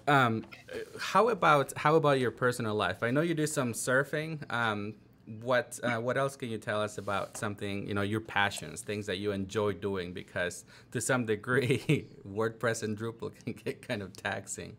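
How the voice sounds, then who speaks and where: A man in his thirties with a fairly low voice, hosting an interview over a video call. He sounds easygoing and laughs often, speaking through a headphone mic in a plain room. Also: moderate pace, pushed and bright. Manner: easygoing, laughs often, prompts with short replies. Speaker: interview host. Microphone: over-ear headphones with mic on a video call.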